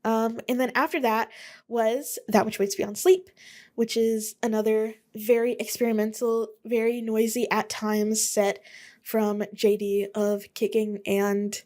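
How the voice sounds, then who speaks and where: A young woman from Alabama hosts her own podcast, delivering a casual solo monologue full of chatty rambling and fillers. Her voice sits on the high side with a darkish tone, level and slow.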